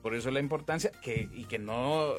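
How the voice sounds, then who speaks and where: A man in his 20s, talking as a priest in an informal religious conversation, explains things emphatically and repeats phrases. He has a medium-pitched voice at a normal speed, with music playing underneath.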